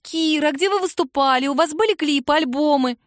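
Woman reader playing eager nosy girl, high and gushing, dry close read. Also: fairly quick, no room sound, close to an everyday voice. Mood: chirpy, cheeky. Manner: breathless pleading, squealing enthusiasm. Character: excitable pushy young girl, adoring and nosy.

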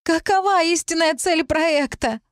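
A woman reading aloud puts on a frantic young woman whose voice jumps far above the reader's own and climbs even higher as she pleads in breathless bursts. The take is dry and close, with no room sound. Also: unhurried, no echo. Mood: panicked. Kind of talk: audiobook character voice.

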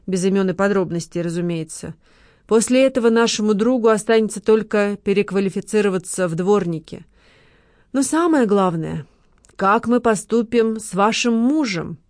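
A woman voicing a calm, polite, scheming marquis who speaks in a measured, matter-of-fact way. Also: sits high, no echo, clean studio sound. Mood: calm, courteous.

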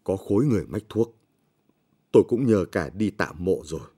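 A man's voice: low-pitched, big pitch swings, moderate pace, dark tone, husky, heavily acted. A man reading the lines of a poor peasant husband, a grieving father, in a weary, subdued way.

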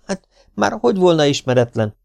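Calm, polite TV reporter read by a man, smooth delivery. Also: a little high, dry recording, studio quality, voice pushed up.

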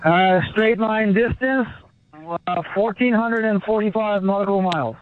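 Man on a tinny satellite phone line. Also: sits high. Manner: halting, with frequent fillers and restarts. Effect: satellite phone line with delay. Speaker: ocean rower on an expedition. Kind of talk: remote interview guest. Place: small rowing boat out at sea. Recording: tinny satellite phone line relayed through a video call.

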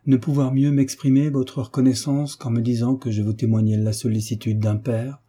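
A man reading the part of a kind, fatherly hunchbacked nobleman in a gentle, coaxing way. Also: medium pitch, flat delivery, normal speed, husky, close to an everyday voice. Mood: coaxing, tender.

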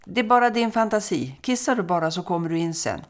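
A woman's voice: fairly low pitch, sing-song, darkish tone, voice pushed up. A woman voicing a busy, impatient mother who brushes off her son's fears. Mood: dismissive. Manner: brisk and dismissive.

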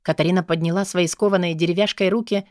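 A woman reading an audiobook in measured, even storytelling narration. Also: lowish voice, no echo, studio quality. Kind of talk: scripted narration.

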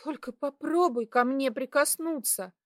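A woman voicing a frightened young heroine who speaks in a trembling, pleading voice, pitched higher than her own. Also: measured pace, no echo, clean studio sound. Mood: frightened defiance.

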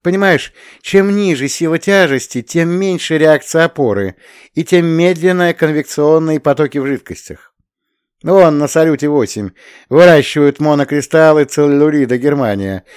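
A man voicing an eager, boastful young male planetologist in an audiobook, higher and louder than his own reading voice. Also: clean tone, no room sound, clean studio sound, lightly acted. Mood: excited. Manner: eager, rapid-fire, boastful.

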